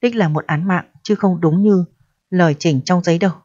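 A woman's voice: on the low side, fairly quick, mellow, lightly acted. A woman voicing a stern, greedy male district mandarin who speaks in a cold, haughty way. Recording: dry, dull lo-fi recording.

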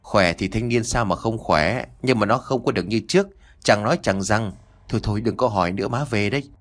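A man's voice: lowish voice, brisk, natural voice. A man voicing a rambling old country mother. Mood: anxious, chatty. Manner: rambling, stammering southern-rural speech. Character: anxious elderly rural mother on the phone.

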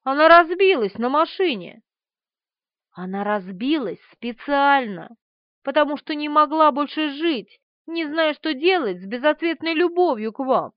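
A woman's voice: high-pitched, animated, measured pace, dry recording, voice pushed up. A woman voicing a proud indignant young woman. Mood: sorrowful. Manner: haughty, emphatic. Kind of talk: audiobook character voice. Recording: slightly dull, dry.

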